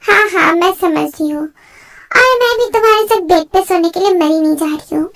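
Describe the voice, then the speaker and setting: A woman's voice: very high voice, normal speed, a bit bright, poor audio. A woman voicing a headstrong young wife who talks back bluntly. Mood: defiant. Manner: blunt and defiant.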